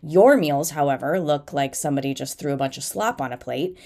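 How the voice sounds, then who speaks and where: A woman's voice: low-pitched, animated, fairly quick, darkish tone. A woman in her thirties with a nasal, head-cold voice, chatting informally and candidly as a solo podcast host. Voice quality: nasal, congested. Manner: informal, candid, self-deprecating. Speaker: podcast host and fitness coach.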